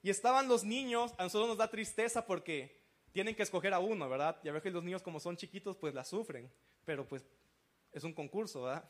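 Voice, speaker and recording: Man, pastor; lively sermon storyteller, unusually high pitch. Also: a little fast. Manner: animated storytelling, acting out quoted voices.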